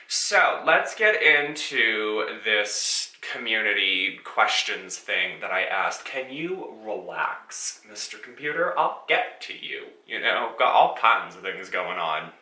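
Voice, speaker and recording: A man's voice: medium pitch, bright, forceful tone, reverberant, rough recording. A man in his early thirties hosting his own channel, talking casually to viewers in a sassy, chatty way, often calling them "honey" and tagging lines with "okay?". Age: 30s. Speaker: channel host. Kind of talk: casual talk to camera.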